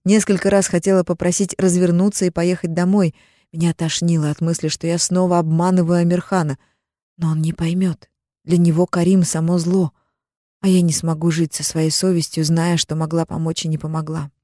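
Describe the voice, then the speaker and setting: A woman's voice: on the low side, little pitch movement, fairly quick, warm tone, dry recording, studio quality. A woman narrating a first-person audiobook in a tense, emotional reading.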